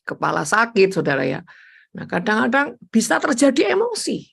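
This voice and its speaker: A woman's voice: normal speed, vocal fry, breathy edge. A woman evangelist giving a conversational sermon, constantly addressing listeners as brothers and sisters and acting out her own prayers. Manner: addresses listeners as "saudara" repeatedly, animated pitch swings. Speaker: evangelist preacher.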